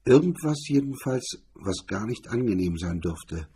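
A man's voice: fairly low pitch, lively intonation, unhurried, warm tone, a little hiss or hum. A man reading the part of a cool, sneering male blackmailer, in a mocking, condescending tone. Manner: mocking, condescending, hard-edged.

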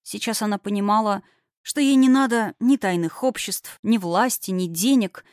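A woman narrating an audiobook in an expressive, heartfelt storytelling manner. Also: medium pitch, normal speed, no echo, studio quality. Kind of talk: audiobook reading.

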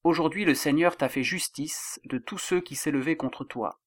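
A man's voice: a little high, normal speed, lightly acted. A man voicing a deferential male servant bringing news to a king. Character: respectful foreign male servant messenger.

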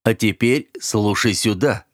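A man voicing a friendly-sounding but menacing young man who switches between easy cheer and cold, clipped calm in an audiobook. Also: mid-range voice, normal speed, no room sound, studio quality, close to an everyday voice. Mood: steely. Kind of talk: audiobook character voice.

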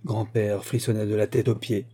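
A man reading a fantastic folk tale aloud as narrator, in a lively storytelling manner. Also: lowish voice, normal speed, slightly rough. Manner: lively storytelling, voicing the grandfather's lines.

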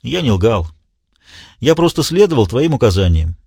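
A man voicing a calm, cold male detective who speaks quietly and deliberately. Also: mid-range voice, creaky, husky, dry recording, clean studio sound, exaggerated voice.

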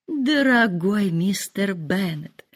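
A woman voicing an excitable, fretful middle-aged mother who speaks in high, gushing exclamations. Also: slow, breathy edge. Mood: excited.

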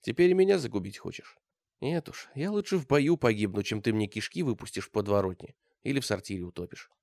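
Man as a young cossack guy, soft and scornful, gravelly. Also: lowish voice, animated, fast talker, no echo, clean studio sound. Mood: contemptuous. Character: young Cossack lad, disgusted, steady and quiet.

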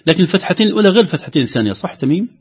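Male tajweed teacher, mid-low husky voice, slow deliberate recitation demos, muffled lo-fi audio. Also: big pitch swings. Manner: slow, emphatic demonstration of recitation. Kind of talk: tajweed lesson with call-in students.

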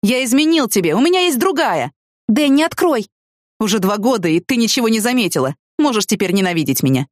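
A woman's voice: mid-range voice, sing-song, quick pace, hardly any pauses, dry recording, clean studio sound, pitched above the performer's own voice, close to an everyday voice. A woman reading a curt, ill young man. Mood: defiant. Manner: curt, firm, dismissive. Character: young man, gravely ill, stubborn and cold. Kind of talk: audiobook reading.

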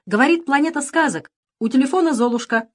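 A woman's voice: a little high, animated, normal speed, voice pushed up. A woman voicing a scheming pirate queen who plays innocent, in a sly, theatrical manner. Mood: pleading. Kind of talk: audiobook character voice.

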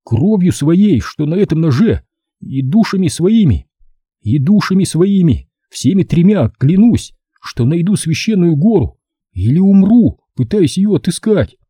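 A man doing a frightened twelve-year-old boy, husky and pleading. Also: high voice, very animated, normal speed, warm tone, dry recording, clean studio sound, voice pushed up, full character voice. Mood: trembling oath. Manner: pleading, urgent and tearful.

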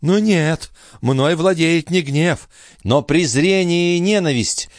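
A man voicing a proud young noblewoman, distraught and furious, crying out in a raised falsetto. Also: animated, a little fast, no room sound, studio quality, natural voice. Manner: shrieking, sobbing cries in a raised falsetto. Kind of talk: dramatic audiobook reading.

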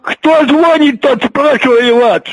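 A man's voice: extremely high pitch, takes it slowly, no room sound. A man answering the phone, impatient and irritated, repeatedly asking who is calling. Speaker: call recipient.

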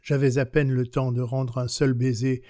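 A man reading as a passionate, worldly young countess in an audiobook of a classic novel, with a measured, unhurried delivery and a steady pitch. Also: dry recording, studio quality, close to an everyday voice. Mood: recounting.

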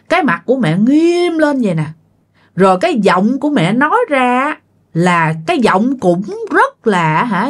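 A woman, telling a ghost story in a chatty way and speaking directly to her listeners. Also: on the high side.

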